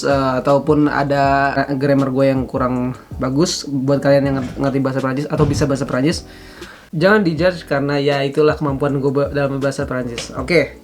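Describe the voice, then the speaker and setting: This is a young man in his twenties with an Indonesian accent, vlogging casually. He talks in a chatty, self-conscious way and pauses often to search for words. His pitch sits in the middle range, and faint music plays behind him. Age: 20s. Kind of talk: casual vlog.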